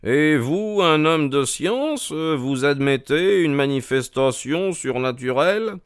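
A man voicing a keen, precise male detective in an audiobook, raising his voice into quick, probing questions. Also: medium pitch, clear, resonant tone, no room sound, studio quality, voice pushed up. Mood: intrigued. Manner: quick, questioning, excited interjections. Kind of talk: audiobook character reading.

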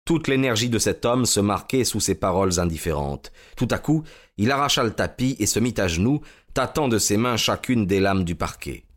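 An actor narrating a detective case as the detective's male companion, in a measured storytelling way. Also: fairly low pitch, animated. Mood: calm. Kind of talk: scripted narration.

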